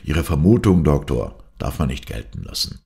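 A man's voice: extremely low pitch, sing-song, moderate pace, vocal fry, darkish tone, exaggerated voice. A man voicing a stubborn, proud male ship commander in an audiobook, speaking emphatically and insistently.

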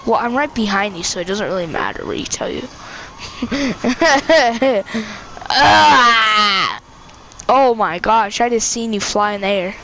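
A woman giving casual, excitable gameplay commentary, giggling often, talking to her viewers and yelling at other players. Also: on the high side, slow pace, slight background noise. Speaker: gameplay streamer.

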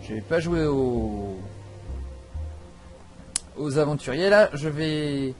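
Excitable gamer, higher-pitched man, casual play-by-play with loud outbursts and cursing. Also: takes it slowly, faint music behind. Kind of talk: casual gameplay commentary.

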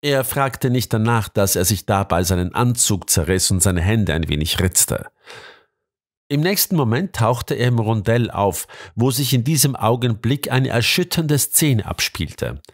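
Male narrator, dramatic audiobook reading, very animated pitch. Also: a little slow. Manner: dramatic storytelling.

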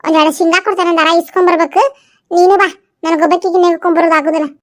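A woman's voice: extremely high pitch, little pitch movement, rapid-fire. A woman doing a bossy mother-in-law. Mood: ordering. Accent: North Karnataka Kannada.

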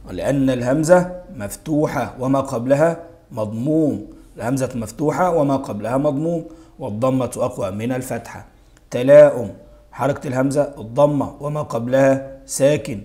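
An Egyptian man teaches a primary school grammar lesson in an ordinary mid-pitched voice. He keeps asking rhetorical questions and answering them himself. He says key words twice for emphasis. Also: warm tone. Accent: Egyptian Arabic.

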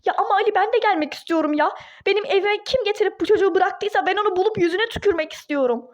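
A woman's voice: very high-pitched, quick pace, slight background noise. A woman voicing a furious, indignant young wife in a toy-game role-play drama, speaking in exclaiming outbursts. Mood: outraged.

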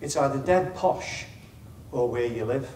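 Speaking unhurriedly with lively intonation, a middle-aged Liverpudlian man addresses a meeting-room audience as a chief executive, keeping things chatty, wry and self-deprecating. His mid-range voice has a darkish tone. The lapel mic picks him up distantly, with a roomy sound and a little hiss or hum.

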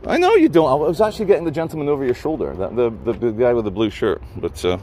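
A Scottish man vlogs a confrontation outdoors near a gate and car park, filming on a handheld phone with a faint hiss or hum. His mid-range voice is mellow, quick and sing-song as he keeps up a playful, joking commentary to camera, teasing and arguing politely.

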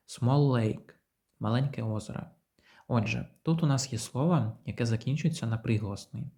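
A man teaching English pronunciation to beginners, explaining patiently and modelling English phrases slowly for repetition. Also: medium pitch, a little mellow. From Ukraine.

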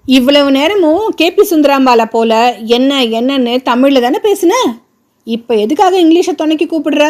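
A woman voicing an angry, domineering young man who scolds fast and brusquely, in a high voice. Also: lively intonation, a little mellow. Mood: shouting.

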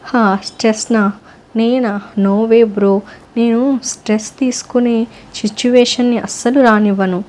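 A woman's voice: a little high, steady tone, a little slow, darkish tone, natural voice. A woman voicing a casual, self-assured young man who brushes off worry. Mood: breezy. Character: young man, breezy, cocky, shrugging off stress.

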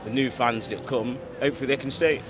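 A man's voice: medium pitch, fairly even intonation, quick pace, background noise. A man giving casual, short answers as a fan in an outdoor street interview. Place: outdoors by a stadium.

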